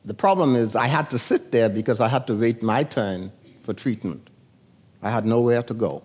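An older man from the Bahamas, a pastor preaching a sermon and telling a personal story in a deliberate, storytelling way, acting out the voices he heard. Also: mid-range voice, lively intonation, darkish tone, slightly rough.

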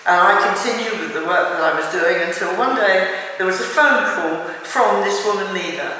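An older English woman from England telling her personal testimony in an earnest, measured way, now and then restarting a phrase. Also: mid-range voice, pushed and bright. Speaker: church member giving testimony. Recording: echoey room from far off.

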